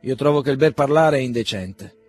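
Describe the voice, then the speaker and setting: A man's voice: mid-range voice, fairly quick, soft background music, voice pushed up, close to an everyday voice. A man voicing an earnest, proud young man who speaks in a heated, indignant way.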